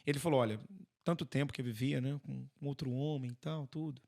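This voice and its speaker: Brazilian priest telling animated stories. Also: male voice, medium pitch, fast, gravelly. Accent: Brazilian Portuguese. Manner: animated, acts out dialogue in quoted voices. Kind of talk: conversational storytelling in an interview.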